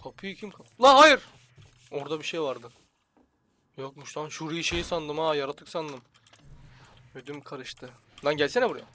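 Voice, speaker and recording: A young man giving casual, jokey commentary while playing a shooter, swearing at enemies and shouting in sudden bursts. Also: on the high side, normal speed, long pauses, a little hiss or hum. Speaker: gaming channel host.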